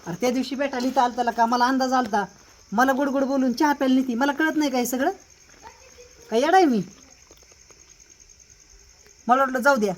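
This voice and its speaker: A man's voice: very high-pitched, fairly even intonation, fairly quick, long pauses, low-quality recording. A man playing an angry accusing husband. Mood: scolding. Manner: scolding, accusing, keeps prodding with "हं?". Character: suspicious angry young husband. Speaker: husband confronting his wife.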